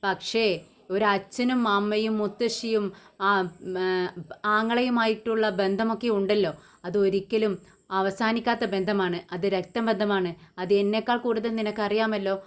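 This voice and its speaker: A woman voicing a hurt elderly father who gently pleads with his estranged daughter. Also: mid-range voice, fairly even intonation, unhurried, clear, resonant tone, natural voice.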